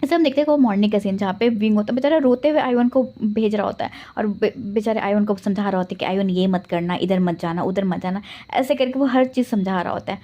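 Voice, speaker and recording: A woman narrating a fan story in a rapid, chatty way as channel host. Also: medium pitch, mellow, muffled recording.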